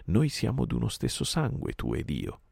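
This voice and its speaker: A man's voice: expressive, moderate pace, vocal fry, slightly rough, dry recording, studio quality, heavily acted. A man voicing the boy Mowgli, calling out urgently in a raised voice for an audiobook reading. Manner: urgent high shouting. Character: frightened boy-cub Mowgli calling for help.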